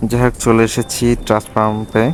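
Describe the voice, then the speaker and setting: Riding along in his motorbike helmet, a Bangladeshi-accented man chats reflectively with his viewers in a relaxed vlog style. He talks fast in a fairly low monotone, with faint music behind him.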